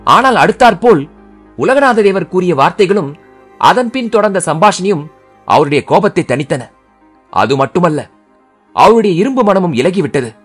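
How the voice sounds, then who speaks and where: Audiobook narrator, man, husky, fairly high voice, dramatic storytelling. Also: moderate pace, pauses often, soft background music. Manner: expressive, dramatic.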